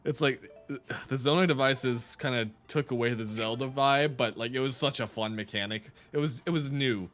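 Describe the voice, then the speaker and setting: A young man talks his way through a game stream at his desk mic, loose and chatty, often restarting his sentences. His pitch sits right in the middle for a man. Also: moderate pace, few pauses, fairly bright tone, soft background music. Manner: chatty, rambling, with many restarts and laughs. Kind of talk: casual live-stream chat while gaming.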